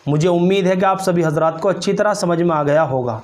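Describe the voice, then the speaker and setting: A man, an Islamic cleric, giving a formal religious lesson in a measured way, opening with Arabic recitation before explaining the meaning of a name. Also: sits high, darkish tone.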